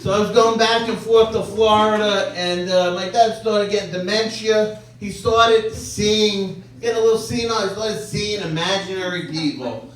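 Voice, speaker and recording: High-voiced New comic in an echoey club. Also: male voice, normal speed, far from the mic. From Long Island, New York. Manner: deadpan self-deprecating delivery, banters with the crowd. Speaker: stand-up comedian. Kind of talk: stand-up comedy set. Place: comedy club with a laughing audience. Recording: echoey club, mic heard from afar, loud crowd.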